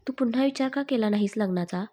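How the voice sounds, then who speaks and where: A woman voicing an older, motherly woman who speaks gently and caringly. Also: a little high, fast, close to an everyday voice. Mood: gentle.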